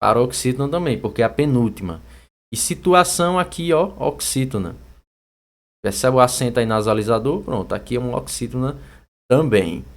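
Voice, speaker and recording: A young Brazilian man with a medium-pitched voice teaches an exam-prep Portuguese lesson at a moderate pace. His style is chatty and lively, and now and then he shouts out words to show the stressed syllable.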